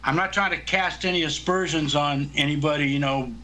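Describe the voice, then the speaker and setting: A man's voice: on the high side, brisk, pushed and bright, a little hiss or hum, low-quality recording. A man in his seventies chatting casually about politics, rambling and blunt, swearing freely. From United States. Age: 70s.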